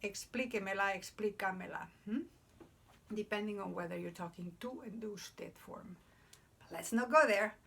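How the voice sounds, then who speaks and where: A woman's voice: mid-range voice, moderate pace, gravelly, fairly bright tone, slight background noise. A woman teaching a grammar lesson at a board, explaining patiently and checking in with "okay?" after each point. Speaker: Spanish teacher. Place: indoors beside a whiteboard.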